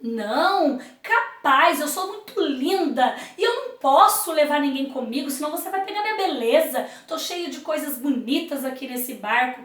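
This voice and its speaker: A woman's voice: high-pitched, lively intonation, normal speed, hardly any pauses, fairly bright tone, echoey room, distant mic. A woman voicing Vanity as a conceited woman proud of her beauty, in a children's story. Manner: conceited, dismissive.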